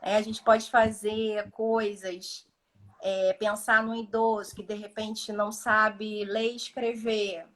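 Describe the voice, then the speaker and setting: A woman's voice: medium pitch, level tone, slow pace, fairly bright tone. A woman speech therapist with a Brazilian Portuguese accent, explaining activities on a video call and acting out short example dialogues. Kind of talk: instructive live chat.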